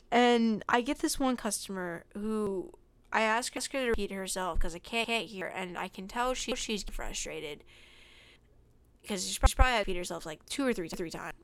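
Young woman, podcast host, casual storytelling, chatty with fillers and laughs, smooth clear tone, dry close sound. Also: mid-range voice, dry recording.

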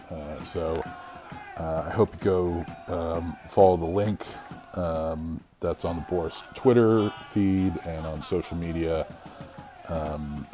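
A man giving a casual, earnest spoken message as a sports supporter, hesitant and measured with many pauses. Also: sits low. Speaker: football supporter and commentator.

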